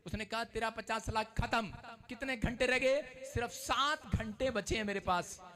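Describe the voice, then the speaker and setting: A male preacher giving a fervent testimony sermon at a church service, often shouting and laughing. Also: very high-pitched, moderate pace.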